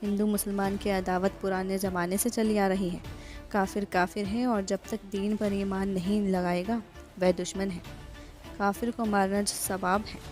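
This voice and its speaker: A woman voicing a hostile, fat male village butcher in an audiobook, talking roughly and scoldingly. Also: mid-range voice, flat delivery, moderate pace, a little mellow, soft background music, close to an everyday voice. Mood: angry.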